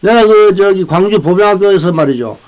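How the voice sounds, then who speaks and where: A man's voice: high-pitched, animated, fairly quick, a little mellow, low-quality recording. An older man hosting a veterans' channel, giving a rambling political commentary with many restarts and tag questions. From South Korea.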